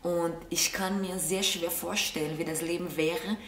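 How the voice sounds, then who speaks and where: Seated on a living-room sofa, this young Brazilian woman responds to viewers' questions in a casual, thoughtful chat, moving her hands a lot as she talks. Her voice is fairly low and steady at a measured pace, with a Brazilian Portuguese accent. The camera mic is a short way off, so the sound is roomy, with a little hiss or hum.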